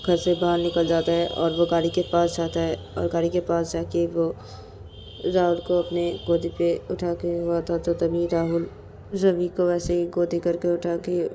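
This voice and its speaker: A woman's voice: fairly low pitch, mellow, slight background noise. A woman narrating a romantic story casually, retelling each action step by step with many repeats.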